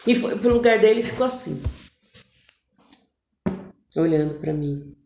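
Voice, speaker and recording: A woman telling her viewers a personal family story in an intimate, animated way, acting out what each person said. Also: deep voice, a little slow, a little hiss or hum. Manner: intimate, animated retelling with voiced quotes. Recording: echoey room.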